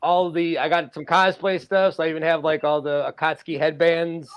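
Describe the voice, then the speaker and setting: A man chatting casually as a podcast guest, talking excitedly with lots of fillers about his art. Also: on the high side, fairly quick, smooth, muffled recording. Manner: excited, rambling, many fillers. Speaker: guest artist.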